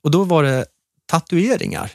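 A man's voice: fairly high pitch, lively intonation, no echo. Chatty man with a dry close mic. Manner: chatty storyteller, many restarts. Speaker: podcast co-host. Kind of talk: casual chat.

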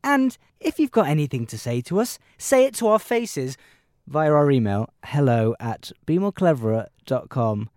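A co-host on a casual pub-recorded podcast, excitable and cheerful, answering quiz questions. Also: mid-range voice, moderate pace, no room sound, clean studio sound. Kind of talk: casual chat.

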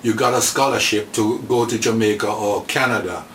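A man's voice: lowish voice, a little fast, fairly bright tone. Older Caribbean man reminiscing, roomy sound. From Caribbean, born in Aruba, raised in Trinidad and Dominica. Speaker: musician, interview guest. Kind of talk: casual storytelling in an interview. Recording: roomy echo, clear background noise.

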